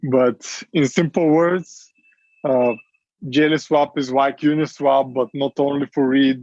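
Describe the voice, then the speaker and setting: A man answering interview questions in quick bursts, with many fillers along the way. His voice sounds dry and close, with no room around it. The audio is a little dull and muffled, as on a remote call. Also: mid-range voice, a little mellow, no room sound. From Bulgaria. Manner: quick, eager explanations with frequent fillers. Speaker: startup CEO guest.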